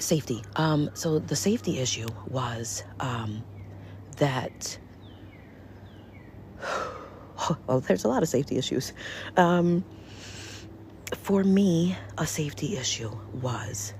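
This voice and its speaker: A woman telling her story in a casual vlog from home, halting with many restarts and often dropping to near whispers. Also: low voice, expressive, darkish tone, a little hiss or hum. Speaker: vlogger. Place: indoors at home.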